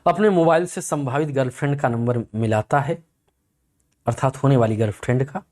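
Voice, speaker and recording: A man's voice: mid-range voice, brisk, darkish tone. A man narrating a satirical Hindi short story with a wry, mocking tone.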